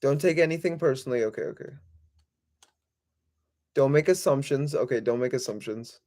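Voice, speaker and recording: A man's voice: mid-range voice, moderate pace, darkish tone. A man coaching in a casual, rambling, slangy livestream style. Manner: slangy, profane, informal. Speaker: spiritual coach and host.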